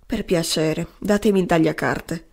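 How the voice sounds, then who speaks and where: A woman's voice: on the low side, measured pace, darkish tone. A woman voicing a broken, grieving old male adventurer who rambles and keeps pleading "sir" at his listener. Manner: pleading, repeating "signore".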